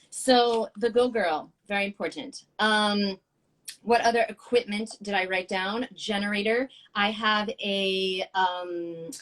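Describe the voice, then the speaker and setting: A woman in her thirties hosting a casual live-stream chat, excitable and quick to laugh, swearing casually. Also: fairly low pitch. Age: 30s. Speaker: show host.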